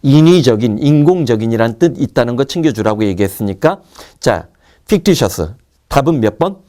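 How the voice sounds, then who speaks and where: A man teaching an English vocabulary lecture, drilling word roots with quick asides to his students. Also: mid-range voice, expressive, mellow. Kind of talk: recorded online lecture.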